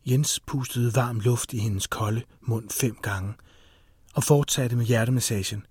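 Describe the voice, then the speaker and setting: Casting: a man narrating a thriller, mid-pitched and husky, plain middle range. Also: dry recording, clean studio sound. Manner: steady, tense storytelling. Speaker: audiobook narrator. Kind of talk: scripted narration.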